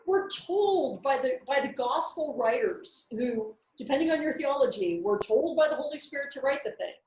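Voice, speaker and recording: Animated high-voiced woman in an echoey room. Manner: animated, candid storyteller. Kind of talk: casual faith discussion.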